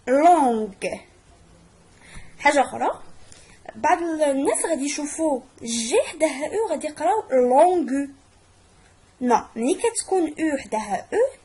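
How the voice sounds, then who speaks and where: A woman with a Moroccan accent teaching French pronunciation, explaining rules slowly and clearly as a teacher. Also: high voice, a little mellow. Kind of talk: language lesson.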